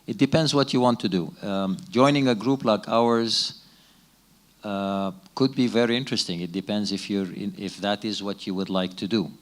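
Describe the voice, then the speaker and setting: A middle-aged man from Sudan with a fairly low voice, fielding questions at a conference. He speaks in a measured, thoughtful way, stopping and restarting his sentences as he works out his answers. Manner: measured, with frequent restarts and hesitations. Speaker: business executive, keynote guest. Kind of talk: fireside chat Q&A answers.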